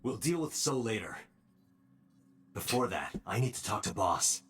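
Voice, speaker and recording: Intense detective, voice swinging dramatically. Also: male voice, fairly low pitch, very animated, moderate pace, fairly bright tone, husky, heavily acted. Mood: determined, tense. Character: intense adult male detective, urgent and rattled. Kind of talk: video game voice acting.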